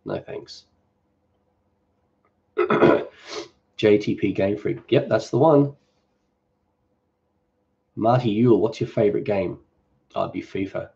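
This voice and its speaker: This is a middle-aged Australian cooking-channel host taking viewer questions on a live stream, loose and rambling, with plenty of jokes. His gravelly voice leans low, and he speaks slowly with frequent pauses. The recording has its high frequencies cut off.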